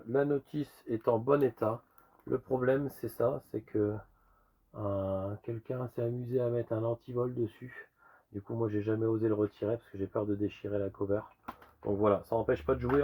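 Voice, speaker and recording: A retro game collector presents a sale in a rambling, informal show-and-tell, his mid-range voice darkish, rusty, and hoarse from a lingering cough. He walks through the collection casually.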